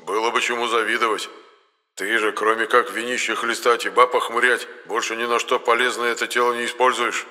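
A man voicing a haughty male ghost who talks in a lofty, mocking way, softer than his narration. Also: medium pitch, level tone, brisk, long reverb tail.

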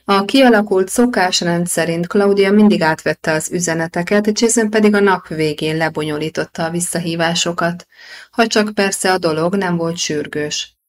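Woman audiobook narrator, steady storytelling, scripted novel reading, lowish voice.

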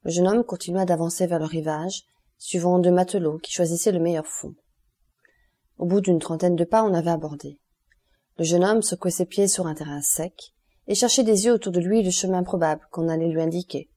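A woman narrating a classic novel as an audiobook, in a steady, even reading manner. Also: fairly low pitch, fairly quick. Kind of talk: scripted literary narration.

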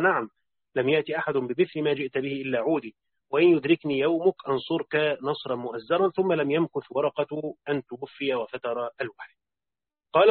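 A man reading a classical religious commentary aloud in a steady, formal, recitation-like way, now and then correcting himself. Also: fairly high pitch, no echo. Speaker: audiobook reader. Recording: dry phone-like narrow sound.

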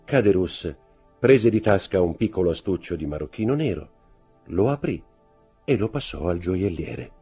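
Man, audiobook narration, theatrical, lively pitch, dark husky voice. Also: faint music behind. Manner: theatrical, measured. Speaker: audiobook reader.

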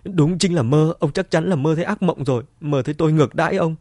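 A man's voice: mid-range voice, animated, a little fast, a little mellow, no room sound, studio quality. A man voicing a desperate middle-aged wife who pleads and shrieks in a raised voice. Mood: pleading.

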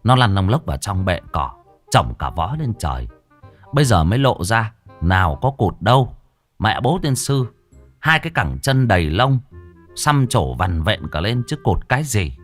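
A man's voice: lowish voice, very animated, normal speed, soft background music. A man narrating a story in a vivid, earthy way.

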